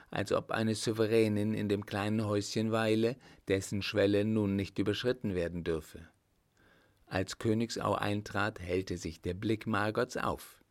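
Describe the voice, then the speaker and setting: Low, slow male narrator for a classic storybook reading. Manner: measured, even narration.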